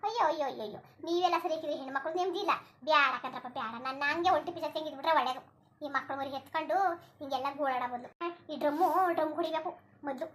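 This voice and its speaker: A bald old village grandmother from a cartoon, as a woman puts her on, firing off scolding in rural Karnataka Kannada. The voice is high, bright and sharp, and the words tumble out at a breakneck pace. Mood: lamenting. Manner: scolding, rapid-fire, crude rural Kannada. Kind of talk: cartoon voice acting.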